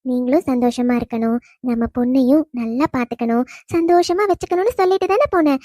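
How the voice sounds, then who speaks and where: A woman voicing the gentle, teasing spirit of a young wife in a cartoon, talking with affection to her husband. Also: high voice, fairly quick, no echo, studio quality. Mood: tender teasing. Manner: affectionate teasing, soft laughs. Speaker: dead wife visiting husband. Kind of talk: cartoon voice acting.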